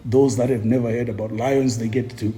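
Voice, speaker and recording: A man in his forties from Zimbabwe, talking as a tour guide and author in a casual interview. He is chatty and jokey, with a mid-range voice, and he repeats words as he searches for them. The sound is roomy, with a clear echo around him. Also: medium pitch, flat delivery, brisk, mellow, soft background music. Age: 40s.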